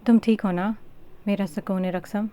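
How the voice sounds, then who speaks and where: A commanding young husband from a storybook reading, delivered firm and clipped, as a woman narrator reads him. The voice is low-set and barely changed from the narrator's own. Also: level tone, fairly quick, darkish tone, natural voice. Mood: tender. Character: protective stern young husband, cold and commanding.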